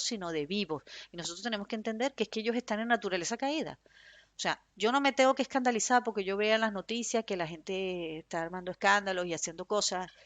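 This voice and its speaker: Predicadora venezolana fervorosa, voz seca. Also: female voice, medium pitch, no echo. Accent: Venezuelan Spanish. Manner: fervent, emphatic preaching, says she speaks loudly. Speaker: preacher. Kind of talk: sermon.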